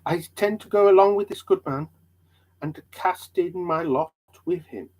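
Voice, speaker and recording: A man playing an eager, credulous, curious traveller with hammy, excitable stage delivery in a dramatic storybook reading. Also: high-pitched, normal speed, pitched above the performer's own voice, low-quality recording. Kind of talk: dramatic reading of old allegory.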